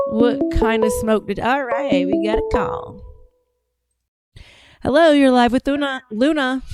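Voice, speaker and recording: With music behind her, this call-in podcast host keeps things casual and frank, swearing often and breaking into frequent laughter. She speaks slowly in a slightly high voice, leaving long pauses.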